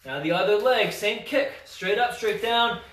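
High-voiced man instructor in echoey hall. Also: a little slow, a bit bright. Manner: barked counts and commands. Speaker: martial arts instructor. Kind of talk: class instruction. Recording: echoey room, mic far off.

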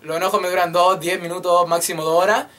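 A man's voice: sits high, fast. Young Chilean man ranting casually. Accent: Chilean Spanish. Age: 20s. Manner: animated, swears freely, jokey rants. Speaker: YouTube channel host. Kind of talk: casual vlog chat. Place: small room with a drum kit. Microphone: webcam at desk.

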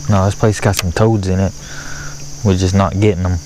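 With a deep voice at normal speed and little pitch movement, a man vlogs while fishing from a kayak on an open lake. Casual and excited, he lets out slangy bursts for the camera he's wearing. The outdoor recording carries loud boat and water noise.

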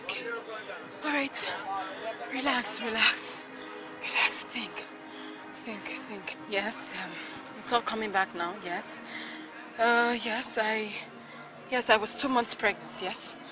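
A wronged young wife, dazed and bitter after her madness. The voice sits high, and loud film music runs underneath it. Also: slow pace. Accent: Nigerian. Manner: dazed, then bitter and anguished. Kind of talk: Nollywood film acting.

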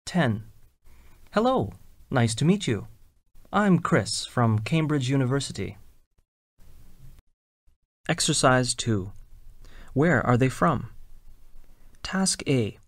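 A man's voice: mid-range voice, big pitch swings, slow pace, long pauses, no room sound, clean studio sound. A man reading scripted lines and instructions for a listening exercise, enunciating carefully and spelling out names. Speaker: exam recording reader.

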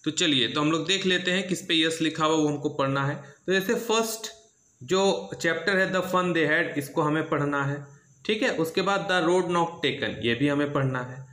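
A man's voice: fairly high pitch, normal speed, a bit bright, echoey room. A male English teacher walks students through a syllabus. He speaks steadily and repeats himself, checking in often with "theek hai". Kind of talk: syllabus walkthrough lesson.

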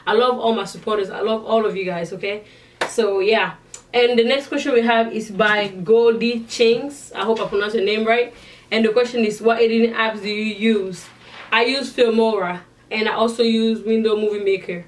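A young woman with a non-native English accent answers viewer questions in a casual vlog, frequently restarting her sentences, with a sequined backdrop behind her indoors. Her fairly high voice has fairly even intonation and a moderate pace, recorded from a distance.

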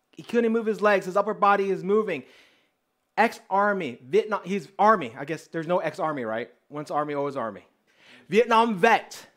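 A man preaching a sermon, telling testimony stories in a lively, conversational way and speaking straight to the congregation. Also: high voice. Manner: lively storyteller, acting out dialogue; conversational, addresses the congregation directly.

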